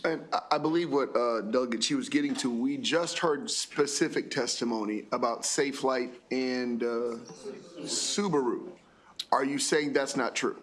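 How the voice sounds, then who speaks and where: Sceptical man questioning haltingly. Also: mid-range voice. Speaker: committee member questioning witnesses. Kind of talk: conversational questioning at a hearing.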